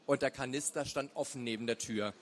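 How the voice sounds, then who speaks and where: A man narrating a story aloud in a measured, dramatic way. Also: medium pitch, a little hiss or hum. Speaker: reader. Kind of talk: audiobook narration.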